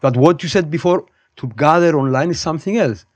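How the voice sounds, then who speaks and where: A Cypriot man in his fifties, a high school physics teacher, speaks fairly quickly in a fairly high register as a guest on a podcast. The casual conversational interview finds him opinionated and digressive, repeating and rephrasing his points.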